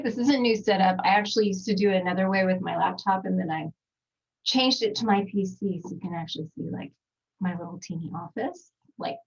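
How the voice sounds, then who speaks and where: A Texan woman in her forties presents a casual online skincare webinar from a small home studio, chatting away with lots of fillers. Her mid-range voice has vocal fry and a breathy edge, and she sounds far from the mic with the highs cut off.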